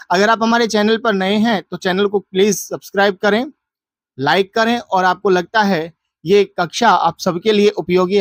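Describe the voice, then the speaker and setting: A man's voice: high voice, dry recording. A man teacher going through exam answers, asking questions and answering them himself in a drilling, repetitive way. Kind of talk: exam answer walkthrough lesson.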